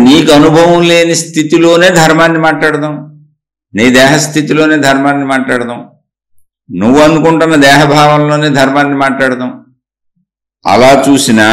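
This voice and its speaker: A man's voice: a little high, reverberant. A man giving a spiritual discourse, asking rhetorical questions and answering them himself, sometimes voicing a listener's complaint. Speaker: spiritual teacher.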